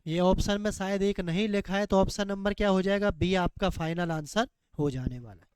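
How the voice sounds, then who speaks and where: A man's voice: sits high, brisk, a little mellow, smooth, no room sound. A man teaching a maths lesson, asking students questions and answering them himself, going over each step again and again. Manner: repeats questions back to students, drills steps.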